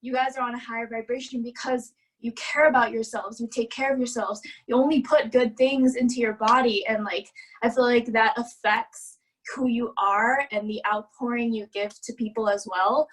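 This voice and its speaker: A woman's voice: a little high, steady tone, moderate pace, husky, rough recording. A breathless woman speaking with bubbly enthusiasm on a video call. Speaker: newcomer guest. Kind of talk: casual Zoom talk.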